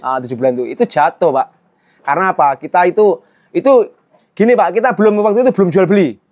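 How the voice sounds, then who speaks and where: Earnest man, higher voice. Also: fast, a little mellow. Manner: earnest, repeats "Pak" often. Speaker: goat farmer and trader. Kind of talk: emotional life-story interview.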